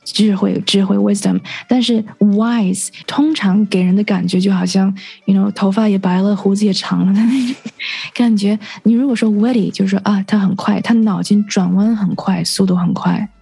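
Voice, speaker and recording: A woman's voice: medium pitch, steady tone, normal speed, creaky, warm tone, breathy edge, faint music behind. A woman teaching English vocabulary on a radio lesson, patiently explaining words and spelling them out letter by letter.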